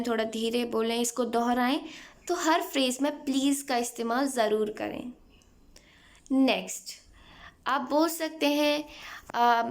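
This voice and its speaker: High-voiced woman teaching English slowly. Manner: explains in Hindi, repeats English phrases very slowly. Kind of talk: spoken English lesson.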